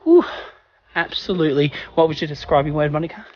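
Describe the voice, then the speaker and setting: A man hosting a casual travel vlog outdoors, chatty and excitable, out of breath from climbing. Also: fairly high pitch, brisk, muffled recording. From Australia. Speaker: travel vlogger. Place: outdoors on a rocky hill. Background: music.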